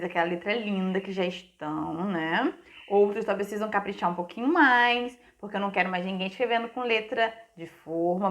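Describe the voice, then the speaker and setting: A Brazilian woman teaching young children in a remote class, encouraging and sing-song, checking in with quick tag questions. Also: mid-range voice, fairly bright tone. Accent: Brazilian Portuguese. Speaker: primary school teacher.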